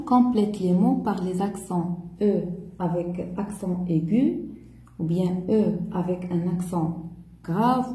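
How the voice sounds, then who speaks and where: A woman teacher, slowly correcting a primary school French test step by step. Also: fairly low pitch, dark tone, echoey room, poor audio. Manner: slow, spells out each step.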